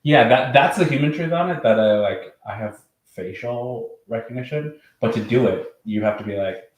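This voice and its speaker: A man, a comedy writer, brainstorming sketch ideas casually and with enthusiasm. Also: mid-range voice. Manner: casual, enthusiastic, talks in quick bursts. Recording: roomy echo.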